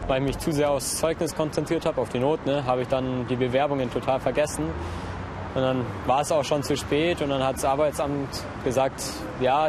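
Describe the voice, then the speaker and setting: A man's voice: medium pitch, noisy background. A teenage boy in a youth program answering casually, with fillers. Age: teens. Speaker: program participant.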